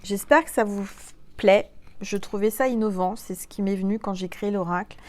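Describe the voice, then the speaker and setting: A woman giving a chatty tarot reading to her viewers, playful and exclamatory, who drops to a hushed tone when she calls on the cards. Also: mid-range voice, steady tone, normal speed. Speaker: tarot card reader.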